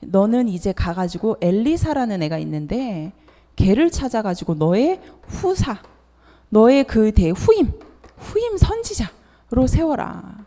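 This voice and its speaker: A woman's voice: mid-range voice, sing-song, a little slow, mellow, big-room sound. A woman voicing God giving firm orders. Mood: firm command. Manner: commanding, firm.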